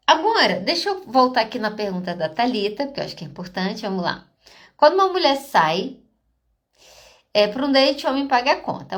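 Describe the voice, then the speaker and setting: A woman's voice: sits high, fairly bright tone. A Brazilian woman psychologist with a Brazilian Portuguese accent, hosting a live podcast talk, direct and emphatic, driving her points home with short check-ins to listeners. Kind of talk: live podcast talk answering audience questions.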